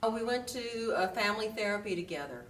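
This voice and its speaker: A woman's voice: mid-range voice, lively intonation, fast, a bit bright. A woman in her fifties from Washington State, talking earnestly and reflectively with her grown child in a family interview. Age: 50s. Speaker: interviewee, parent. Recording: roomy, distant mic with faint hiss.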